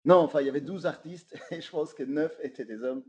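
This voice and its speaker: A guest comedian with a Belgian French accent tells funny stories in a relaxed podcast chat, laughing often and using plenty of fillers. His voice is fairly high-pitched and a little fast.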